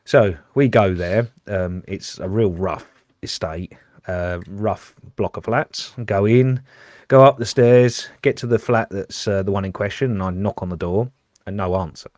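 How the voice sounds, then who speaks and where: A man, a former police officer co-hosting a podcast, telling a lively anecdote in a casual chat. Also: lowish voice, a little slow, no room sound, studio quality.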